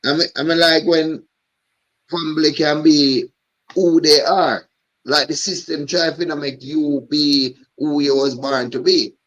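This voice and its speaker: A man's voice: a little high, steady tone, a little slow, a bit bright, dull audio. A man hosting a live stream, chatting loosely and often repeating "you know what I mean". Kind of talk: casual chat.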